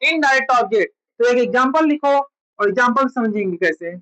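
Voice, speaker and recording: Fairly quick and expressive, a woman with a slightly high, fairly bright voice lectures on grammar, firing repeated questions at students and supplying the answers. The audio quality is poor.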